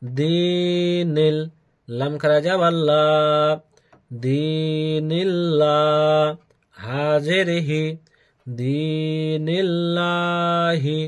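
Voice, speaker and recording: Male Quran teacher, fairly high voice, very slow and deliberate, spelling letters and chanting words in repeated drawn-out recitation. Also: steady tone. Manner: drawn-out chanted recitation of each word, repeated three times.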